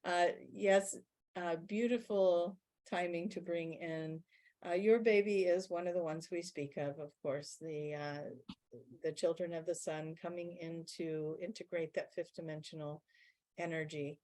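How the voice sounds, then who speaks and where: A woman channelling a guide being in a spiritual question-and-answer session, explaining in a measured way and slowing down to stress key words. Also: on the low side, fairly even intonation, mellow.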